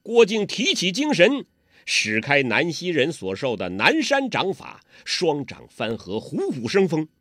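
A man's voice: fairly high pitch, unhurried, no echo, clean studio sound. A man telling a martial-arts novel in a vivid, dramatic storytelling manner. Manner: lively, vivid, dramatic emphasis.

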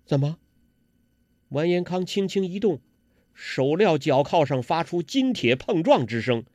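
A man narrating a martial-arts story in a lively, animated storytelling manner. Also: fairly high pitch, normal speed, no echo, clean studio sound.

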